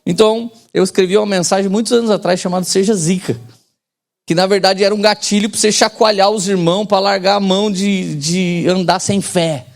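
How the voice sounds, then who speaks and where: Male pastor, forties, gravelly fry, raised pitch, slangy humorous preaching, calls for responses. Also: steady tone, fairly quick. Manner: casual, joking preaching with slang; leans on call-and-response with the congregation. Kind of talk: sermon.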